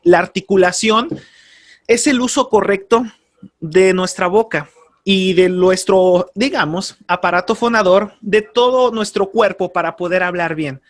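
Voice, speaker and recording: A man teaching a workshop to aspiring radio announcers, speaking deliberately and spelling out sounds to demonstrate clear diction. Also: high voice. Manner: deliberate, demonstrative, over-articulating examples.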